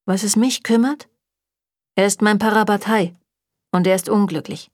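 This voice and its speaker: A woman's voice: medium pitch, steady tone, normal speed, no room sound, studio quality, natural voice. A woman reading a German audiobook, voicing a cocky, blunt young male demon hunter with a teasing way of talking.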